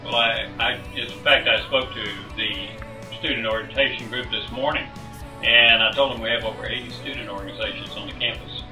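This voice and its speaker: A man who is a university president, answering interview questions in a measured, halting way. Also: medium pitch, fairly even intonation. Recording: roomy sound from a distant mic with music behind.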